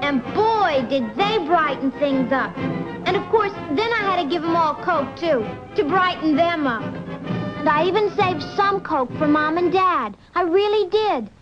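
A breezy teenage girl with a high voice, chattering in mock innocence. It is an old TV commercial, with muffled vintage sound and faint music behind. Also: lively intonation, measured pace. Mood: breezy, mock-innocent. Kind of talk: 1960s TV commercial monologue.

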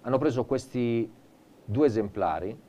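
A male presenter giving a live TV shopping pitch, theatrical and enthusiastic, turning often to an off-screen colleague. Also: expressive, normal speed, dark tone, highs cut off. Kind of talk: live teleshopping sales pitch.

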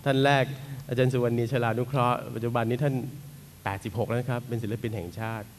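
Male seminar moderator, polite and unhurried, faint hiss behind him. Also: medium pitch, fairly even intonation. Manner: polite, unhurried, frequent particle "na khrap". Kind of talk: academic seminar talk, introducing panelists.

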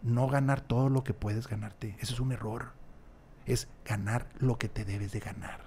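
A man's voice: mid-range voice, fairly even intonation, normal speed, vocal fry, warm tone, a little hiss or hum. Older man explaining at length. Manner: expansive storyteller, acts out dialogue, repeats for emphasis. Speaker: podcast guest, entrepreneur. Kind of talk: casual conversational interview. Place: small studio room with wood walls. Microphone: large studio mic on a stand, headphones.

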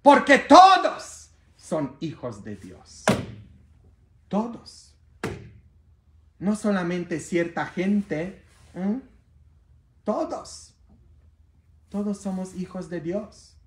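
A man preaching a sermon as a priest, playful and animated, with bursts of shouting. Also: high voice, a little hiss or hum. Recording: roomy echo.

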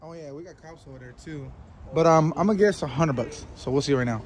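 A man's voice: a little high, fast, noisy background. A young man filming a casual road-trip vlog on his phone, loose, profane and joking with friends. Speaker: vlogger. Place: gas station, car and new house. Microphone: handheld phone camera.

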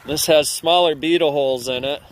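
A man's voice: a little high, moderate pace, slight background noise. A man in his thirties, a chainsaw carver, explaining his wood in a rambling, easygoing way while filming on a handheld phone in his workshop and yard. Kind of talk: casual how-to vlog. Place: cluttered workshop and yard, partly outdoors. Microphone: handheld phone camera.

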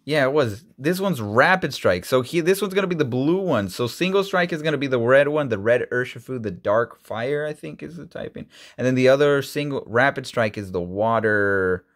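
Indoors in front of a webcam with a desk mic, a man in his thirties opens card packs and rambles casually, filling gaps with ums and restarting sentences. His mid-range voice has lively intonation at a normal speed with hardly any pauses, and it leaps up when something surprises him.

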